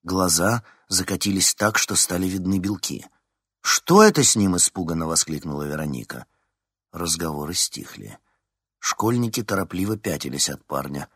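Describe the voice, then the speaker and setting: A man's voice: sits low, moderate pace, fairly bright tone, slightly rough, dry recording, studio quality. A man reading a novel aloud as scripted narration, giving each character a voice. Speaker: audiobook narrator.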